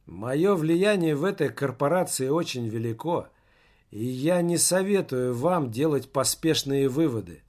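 A man reading an audiobook, voicing a manipulative company boss who speaks with calm foreboding. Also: medium pitch, measured pace, close to an everyday voice. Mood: ominous. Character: ominous corporate boss, manipulative and assured.

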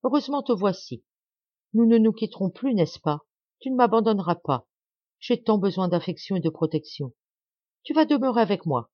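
A woman's voice: medium pitch, lively intonation, normal speed, dry recording, voice pushed up, lightly acted. A woman reading a frightened young woman with a pleading, anxious delivery. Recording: dull dry lo-fi audio.

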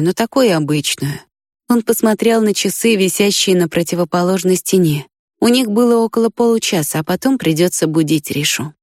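A woman narrating an audiobook in a calm, even reading voice. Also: on the low side, no room sound, clean studio sound.

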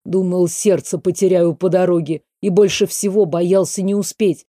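A woman's voice: lowish voice, fairly even intonation, moderate pace, no room sound, clean studio sound, natural voice. A woman reading the part of a stern, protective male mage dean in an audiobook, curt and commanding. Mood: tender. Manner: curt and commanding, then gently scolding.

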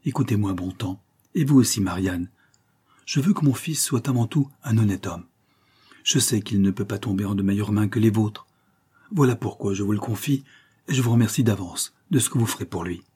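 A man reading the lines of a young grieving woman, a banker's daughter, with tender, restrained anguish and a husky voice. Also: fairly low pitch, fairly quick, a little mellow. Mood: grave resolve.

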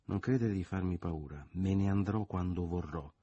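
A man's voice: moderate pace, warm tone, slightly rough, highs cut off. A man reading aloud, voicing a sullen, resentful young man who talks back with tense defiance. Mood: defiant. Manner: tense, defiant, sometimes low and brooding.

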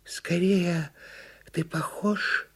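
A man reading a storybook and voicing a calm, know-it-all female turtle in a raised, firm, lecturing voice. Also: high-pitched, drawn-out words, husky, pitched above the performer's own voice, exaggerated voice. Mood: instructive.

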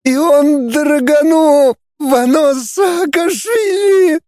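A man's voice: extremely high pitch, drawn-out words, darkish tone, no room sound, shouting, studio quality, voice pushed up, full character voice. A man voicing a panicky captured male saboteur who shrieks and sobs under torture, in an audiobook. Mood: shrieking. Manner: shrieking, sobbing in pain.

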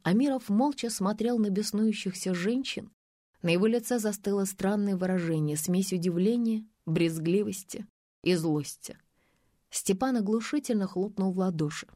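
A woman narrating a first-person audiobook in an even, measured way. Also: medium pitch, no echo, studio quality.

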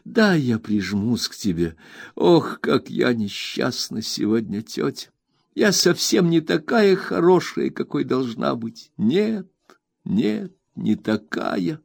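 A man's voice: big pitch swings, slow, creaky, no echo, studio quality, full character voice. A man voicing a tearful, remorseful young woman who pleads between sobs. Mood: sobbing plea. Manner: sobbing, high-strung pleading.

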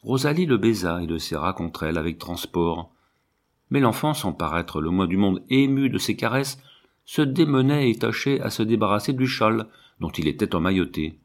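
A man reading a classic novel aloud in a measured, expressive narration. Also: fairly low pitch. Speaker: audiobook reader.

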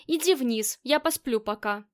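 A grief-worn, hot-tempered female gang leader, read by a woman in an audiobook. She sounds high and clear, flat one moment and barking orders the next. Her lines come in a storybook reading. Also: unhurried. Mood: grieving. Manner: shifts between flat weariness and angry shouting.

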